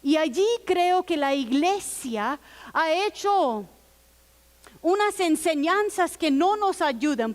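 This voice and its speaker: A woman pastor preaching a sermon in an earnest, personal storytelling manner. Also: very high-pitched. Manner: earnest, personal storytelling with quiet quoted asides.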